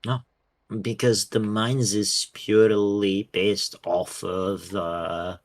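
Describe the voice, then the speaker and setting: A man's voice: on the low side, level tone, takes it slowly, no room sound. A man playing a driving game with a friend, chatting casually and throwing in dry jokes. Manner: joking, dry quips. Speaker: co-player. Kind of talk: casual gameplay chat.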